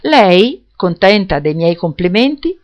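A woman narrating a story in a clear, measured reading style. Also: mid-range voice, big pitch swings, darkish tone.

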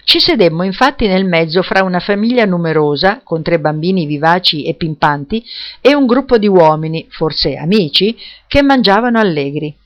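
Brief: female storyteller, measured reading, muffled lo-fi audio. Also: lowish voice, animated. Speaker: narrator. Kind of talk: scripted story narration.

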